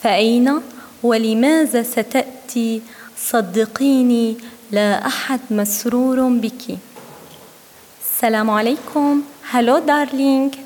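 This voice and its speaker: Higher-pitched woman reading slowly, in a hall. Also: darkish tone. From Syria. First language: Arabic. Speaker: author reading her poem. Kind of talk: poetry and prose reading. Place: museum event space.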